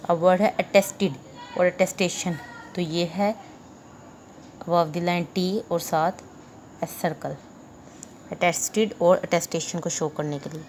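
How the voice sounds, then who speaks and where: A woman's voice: fairly low pitch, steady tone, slow pace, pauses often, darkish tone, a little hiss or hum. A woman teaching a shorthand lecture, explaining each rule step by step and repeating the key points. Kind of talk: classroom lecture.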